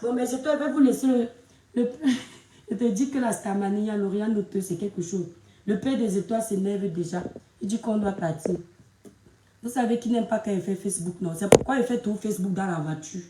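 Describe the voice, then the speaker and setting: A woman's voice: mid-range voice, normal speed, far from the mic, noisy background. Chatty woman vlogging on a roomy phone mic. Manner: chatty and animated, addresses viewers as her stars; speaks softly at times so as not to disturb her husband. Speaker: social media vlogger. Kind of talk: casual live video chat with followers. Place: bedroom at home, indoors. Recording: roomy echo, voice a bit off-mic.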